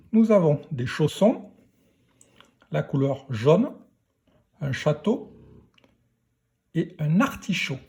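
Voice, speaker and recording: Male teacher for a kids' phonics lesson, unhurried delivery, sounds out each syllable, warm, mellow tone. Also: on the high side, creaky. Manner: slow, deliberate, sounding out syllables. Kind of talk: reading lesson for young children.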